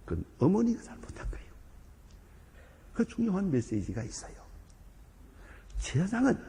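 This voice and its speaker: An older man preaching a sermon as pastor, swinging from booming exhortation to hushed asides and acting out the people he quotes. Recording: long reverb of a large hall.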